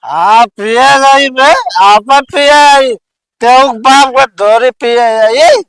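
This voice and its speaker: A man's voice: very high-pitched, slow pace, fairly bright tone, clear, resonant tone, dry recording, full character voice, rough recording. A man with an Awadhi accent playing a boastful, quarrelsome village drunk in a comedy sketch, slurring and rambling. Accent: Awadhi, eastern Uttar Pradesh.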